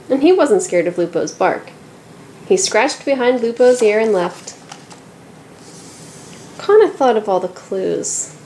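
A woman reads a children's picture book aloud in a lively, expressive storytelling voice. Her voice sits at a middle pitch. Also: a little hiss or hum, rough recording. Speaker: storybook reader.

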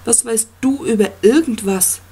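A reader voicing an angry, tormented young boy in an audiobook, speaking loud and raised. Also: medium pitch, normal speed, breathy edge, pitched above the performer's own voice. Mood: angry, mocking. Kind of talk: audiobook reading.

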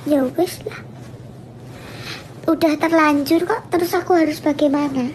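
A young woman with a Javanese accent, chatting casually on a livestream and telling a story with animated laughs. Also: high voice, measured pace, a little hiss or hum. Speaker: livestream host.

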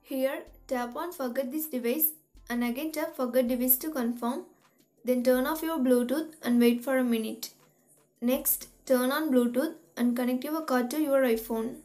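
A woman hosting a tutorial, reading step-by-step instructions in an even, methodical way. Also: high voice, moderate pace, faint music behind. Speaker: tutorial host. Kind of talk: scripted step-by-step tech tutorial.

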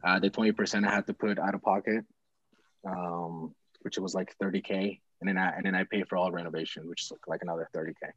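This is a fast, low-sitting male voice, level in tone and fairly bright. The speaker, a young Peruvian real estate investor appearing as a guest, chats informally on a video call from a small home room and tells a wandering story full of fillers and restarts. He wears earbuds, and the audio is dull and dry.

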